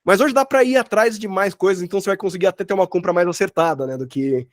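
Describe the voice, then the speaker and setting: A Brazilian sound designer runs an online workshop from his own workspace, speaking in a high voice at a quick pace with studio-quality sound and no room noise. His teaching is informal and colloquial, rambling as he thinks aloud and frequently correcting and rephrasing himself.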